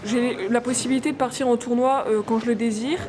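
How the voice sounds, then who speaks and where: A young woman, a student athlete, describes her studies in a testimonial with measured, slightly hesitant speech. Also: on the high side, steady tone, crowd noise. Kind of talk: testimonial interview. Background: music.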